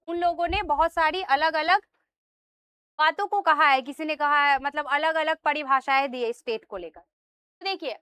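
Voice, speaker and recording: Woman, teacher, lecture, high-pitched, dry close sound, asks the class questions. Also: bright, forceful tone, no echo. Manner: explains step by step, checks in often with "okay"; asks students questions and answers them herself.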